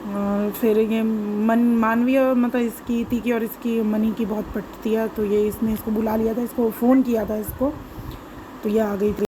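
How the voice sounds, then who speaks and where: Hoarse woman vlogger, chatty narration. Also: fairly high pitch, level tone, normal speed, warm tone, slight background noise, low-quality recording. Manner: chatty, rambling, self-correcting with "matlab". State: hoarse, sore throat. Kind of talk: casual voice-over narration of home footage.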